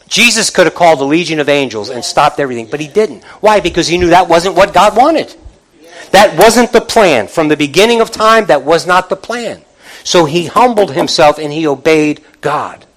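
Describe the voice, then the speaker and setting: A man's voice: on the high side, fairly bright tone, rough recording. A man, a pastor, preaching a motivational sermon to a congregation in an emphatic, exhorting, colloquial way, repeating phrases and asking rhetorical questions. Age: middle-aged or older. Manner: conversational, colloquial, direct address to listeners.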